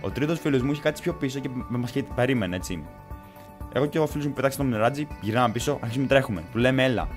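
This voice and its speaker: Animated man telling a story. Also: mid-range voice, music in the background. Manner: animated, casual, swearing, acts out scenes. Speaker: vlogger. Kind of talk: story time vlog.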